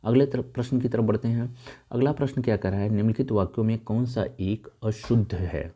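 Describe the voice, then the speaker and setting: A man teaching grammar, going through exam questions one by one, reading the options slowly and then explaining the corrections quickly. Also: fairly low pitch, dark tone. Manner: addresses viewers as dear friends. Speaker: Hindi exam tutor. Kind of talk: exam answer walkthrough.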